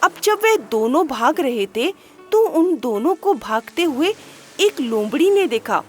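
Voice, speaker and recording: A woman narrating a children's moral story, unhurried and asking the listeners rhetorical questions. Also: high voice, big pitch swings, faint music behind.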